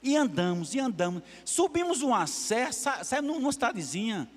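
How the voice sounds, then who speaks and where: Animated pastor preaching. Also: male voice, extremely high pitch, brisk. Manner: animated, acts out dialogue in his stories. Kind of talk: sermon with storytelling. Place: church sanctuary. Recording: long church-hall reverb.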